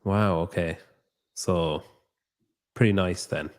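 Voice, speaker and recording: His voice sits low, with fairly even intonation and a slow pace. He's a podcast host in a new studio, keeping the interview chat casual, thinking aloud and cursing freely.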